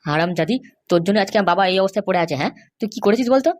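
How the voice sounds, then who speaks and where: A woman voicing a hot-tempered young husband in a cartoon, threatening and shouting insults. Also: medium pitch, lively intonation, racing, lightly acted. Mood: angry. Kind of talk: cartoon voice acting.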